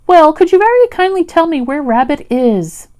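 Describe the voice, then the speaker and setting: A woman's voice: high voice, big pitch swings, moderate pace, darkish tone, pitched above the performer's own voice. A woman voicing a naive, polite, greedy male bear from a children's storybook, earnest, hesitant and easily flustered. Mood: puzzled. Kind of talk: children's storybook read-aloud.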